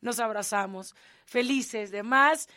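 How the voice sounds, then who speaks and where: Animated Mexican woman co-host. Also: a little high, slow, dry recording, clean studio sound. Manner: animated, acts out quotes and laughs. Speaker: podcast co-host. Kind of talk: casual chat.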